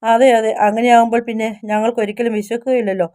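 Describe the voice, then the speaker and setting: An innocent little village boy with simple, guileless talk, as a woman reader gives him lines. The voice stays flat and even, with a mellow, soft tone, told like a storybook. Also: on the high side, fast talker, close to an everyday voice.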